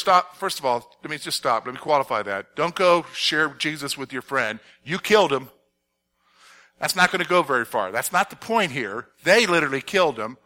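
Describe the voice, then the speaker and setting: A man teaching a Bible passage as a pastor, animated and posing fill-in-the-blank questions to his listeners. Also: fairly high pitch. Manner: animated, asks the audience to fill in words. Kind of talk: expository sermon with audience questions.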